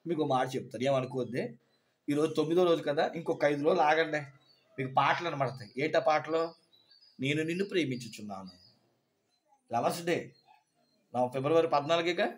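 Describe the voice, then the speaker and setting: A male pastor with a high voice preaches a sermon, telling stories and asking questions of his listeners. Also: a bit bright. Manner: storytelling, asking the congregation questions.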